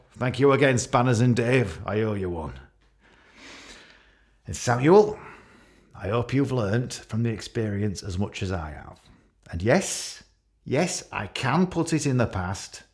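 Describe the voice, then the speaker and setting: In a radio play, a male actor with a voice on the low side portrays a pompous, self-pitying, middle-aged British senior police officer. His halting speech is passive-aggressive, smug and self-justifying.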